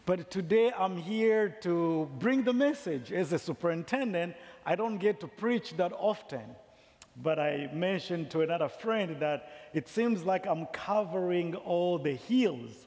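A man's voice: high-pitched, lively intonation, measured pace, a little mellow. A middle-aged man from Zambia preaching a sermon in a large church sanctuary, speaking through a headset mic. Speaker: district superintendent preaching. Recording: long reverb of a large church hall.

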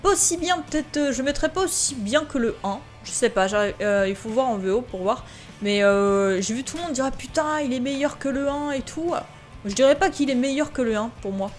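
A woman's voice: on the high side, brisk, faint music behind. A woman casually commentating a farming game, chatting straight to her viewers and reading the game's prompts aloud. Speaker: gaming video host. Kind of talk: casual let's-play commentary.

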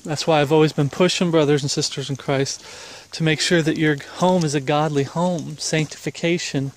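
A middle-aged preacher speaks at normal speed in a fairly high voice with fairly even intonation as he strolls a foggy wooded trail. Held at arm's length, a phone camera records his informal, rambling, earnest exhortations and fillers, along with a little hiss or hum.

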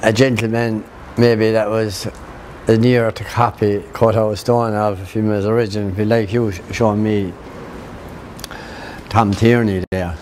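A man in his seventies with an Irish accent, reminiscing in a halting, conversational interview outdoors. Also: on the low side, flat delivery, a little mellow, a little hiss or hum, poor audio. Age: 70s. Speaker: local interviewee recalling town history. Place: outdoors, sheltered spot by a garden.

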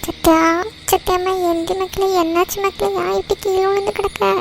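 A frantic village mother in a cartoon, played by a woman, with a very high voice that hardly moves up or down. She calls out and pleads loudly. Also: flat delivery, moderate pace, gravelly, slight background noise, rough recording. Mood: alarmed. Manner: calling out, pleading. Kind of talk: cartoon voice acting.

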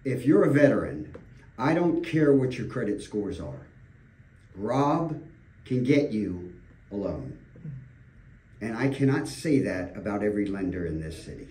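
Here the realtor guest, an older man, speaks in a lowish, dark, sing-song voice, unhurried and often pausing. He tells earnest stories with emphatic repetitions during a radio studio interview, recorded on a distant desk microphone in a roomy room.

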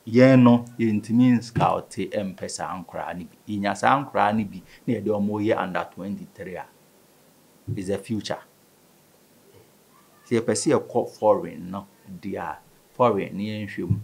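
A man's voice: on the low side, a little slow, gravelly, darkish tone, slightly rough, poor audio. A man in his thirties with a Ghanaian West African accent, speaking conversationally as a guest in a sports interview. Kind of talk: conversational studio interview, mixing Twi and English. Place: small indoor studio. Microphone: studio microphone on table stand.

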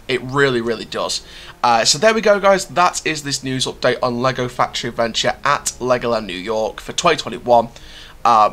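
A young man from the United Kingdom talks through a theme park news update in a bright, forward voice. His delivery is chatty, full of fillers and restarts. He records himself in a small room at home with the camera close to his face. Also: medium pitch. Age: young adult. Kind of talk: news update reading, then casual commentary.

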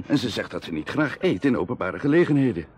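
In a Dutch radio drama, a male actor plays a proud aristocratic bachelor short on money, confiding and passionate, his dramatic delivery swinging from hushed tones to outbursts. His natural, medium-pitched voice is brisk, very animated and frustrated, with slight background noise.

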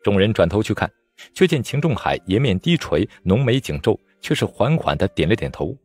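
A man giving expressive audiobook narration of a martial-arts novel. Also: lowish voice, brisk, slightly rough, no room sound. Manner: lively, expressive storytelling. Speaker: storyteller.

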